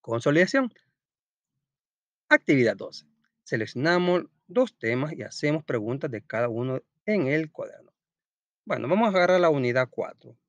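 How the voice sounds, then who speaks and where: A man teaching a casual school lesson reads aloud and explains things colloquially, often posing questions and then answering them himself. His fairly high voice carries a Salvadoran accent, captured in a dry, lo-fi recording.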